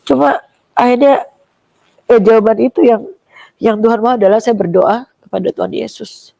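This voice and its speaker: A woman's voice: fairly high pitch, normal speed, gravelly, dark tone. A young woman giving an emotional personal testimony, telling her story with animation and acting out what other people said. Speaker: guest giving a conversion testimony.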